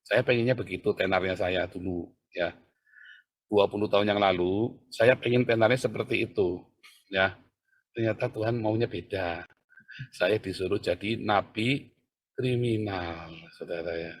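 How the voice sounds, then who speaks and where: A man preaching a sermon as a pastor, animated and often addressing his listeners directly. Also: lowish voice, unhurried, long pauses.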